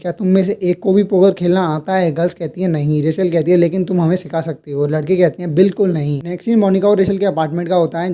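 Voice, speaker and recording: A man's voice: sits high, dark tone. A man narrating a casual recap of a sitcom episode, quoting each character's lines in his own plain voice. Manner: retells scenes and quotes each character in the same plain voice.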